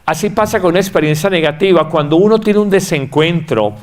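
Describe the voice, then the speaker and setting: Predicador paisa de voz algo aguda. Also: male voice, high-pitched, expressive, a little fast. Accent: Colombian Paisa (Antioquia). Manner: emphatic and repetitive, acting out quoted voices. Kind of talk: sermon.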